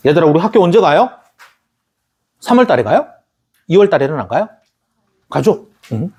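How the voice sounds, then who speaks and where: A husky male teacher gives a recorded lecture, his pitch leaping up and down as he spells out words in bouncing syllables. He chats with his students and breaks off into joking asides before drilling vocabulary again. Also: big pitch swings, normal speed, darkish tone. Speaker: English teacher. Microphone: camera recording a lecture.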